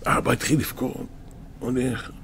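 A man preaching a sermon, telling a parable with animated, repetitive emphasis. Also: medium pitch, breathy edge.

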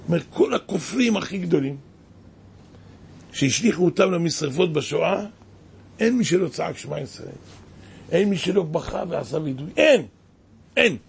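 A man's voice: a little high, vocal fry, a little mellow, slightly rough. A man preaching a sermon as a rabbi, impassioned and exclaiming, with many rhetorical questions.

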